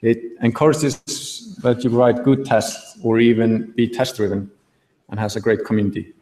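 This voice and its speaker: A young man giving a relaxed tech talk at a meetup, thinking aloud with fillers from a podium in a large auditorium. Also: medium pitch, normal speed. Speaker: conference speaker. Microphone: podium mic, recorded from the hall. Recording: echoey hall.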